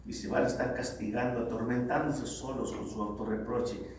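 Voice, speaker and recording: A man preaching a sermon to the congregation, calling them brothers, swinging from loud exhortation to low, grave tones. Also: fairly even intonation, moderate pace. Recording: very echoey hall, distant mic, faint noise.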